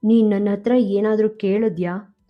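A woman voicing a stern young man who speaks in a gruff, clipped way in an audio story. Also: medium pitch, fairly even intonation, moderate pace, dull audio, faint music behind, close to an everyday voice. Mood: harsh.

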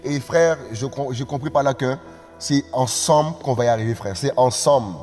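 A man preaching a live-streamed sermon, exclaiming and repeating phrases, often rising into shouted appeals. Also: medium pitch, normal speed. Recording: reverberant room with faint music.

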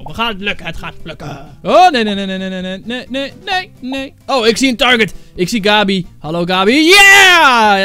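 A man giving excitable let's-play commentary, yelping and cheering, with English swear words thrown into his talk. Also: sits high. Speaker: gaming YouTuber.

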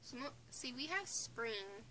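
A slightly high, animated and bright voice, slow but forceful, belongs to an eighteen-year-old Newfoundland vlogger with a Newfoundland English accent. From under a bunk bed in her small bedroom indoors, she chats casually about her opinions, rambling with restarts and giggles. A close phone or webcam captures her in poor audio with slight background noise.

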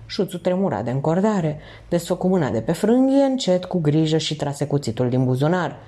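A woman reading a novel aloud as an audiobook narrator, measured with dramatic emphasis. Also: deep voice, big pitch swings, warm tone.

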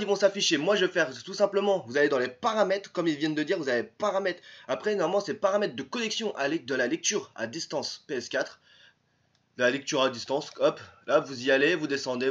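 Heard on a muffled recording, a young man with a French accent and a fairly high, bright voice leads viewers through a casual screen-recorded tutorial as a YouTuber. He chats repetitively and rambles, keeps saying "les potos," starts over many times, and uses "hop."

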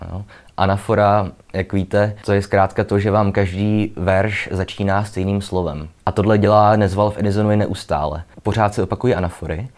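A young man with a Czech accent and a fairly low voice explains a poem in a relaxed, chatty way. He talks loosely, with fillers, like a student tutor going over school reading. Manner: conversational, loose fillers, reads verse aloud. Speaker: literature video host. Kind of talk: casual explainer lesson with poetry readings.

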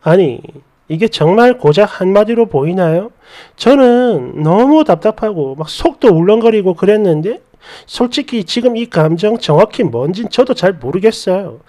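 A man reads a first-person story and its comments aloud with an exasperated edge. His voice sits high for a man and swings widely in pitch, keeping the retelling animated. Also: moderate pace. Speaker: story narrator.

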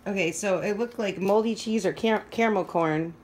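A woman's voice: mid-range voice, moderate pace, darkish tone. A woman hosting a prank challenge at home in casual chat. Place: home dining room. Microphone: handheld phone. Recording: slightly noisy handheld phone recording.

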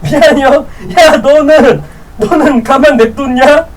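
A woman streaming a game live, teasing other players in loud banter and laughing often; her voice sits a little off-mic. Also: high-pitched, unhurried, recorded from a distance, low-quality recording. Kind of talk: live gameplay chat with viewers.

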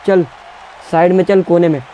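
A young man calls out his own gameplay with a slightly high, excitable voice, taunting and bossing around the fighters on screen. Faint crowd cheers and game noise sit behind his commentary. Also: moderate pace, poor audio. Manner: trash-talking, taunting opponents, shouting commands. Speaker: gaming YouTuber.

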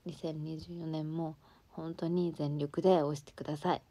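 A woman's voice: sits low, little pitch movement, normal speed, warm tone, husky, dry recording. A young woman from Fukuoka with a Hakata accent, an idol chatting casually on a livestream, rambling with fillers and giggling as she reads fan comments. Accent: Hakata dialect. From Fukuoka, Japan.

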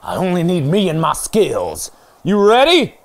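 A young man giving let's play commentary on a virtual reality zombie shooting game, swearing and joking, dropping to mutters and jumping to yelps and shouts. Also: high-pitched, wildly swooping pitch, measured pace. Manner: swears and jokes while playing. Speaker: gaming YouTuber.

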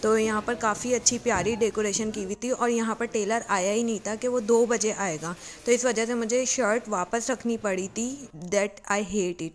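A woman from Pakistan narrates a chatty shopping vlog set in shops and a supermarket, partly as voice-over, rambling along with fillers and correcting herself. Her voice is a little high with fairly even intonation, and she speaks at a moderate pace with few pauses. There is slight background noise.

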